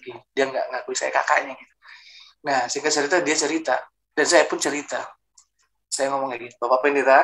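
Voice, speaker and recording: A man's voice: a little high, fairly bright tone, a little hiss or hum. A middle-aged man from South Sulawesi tells his conversion testimony and acts out the dialogue of the people in it. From Jeneponto, South Sulawesi, Indonesia. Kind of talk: personal testimony storytelling.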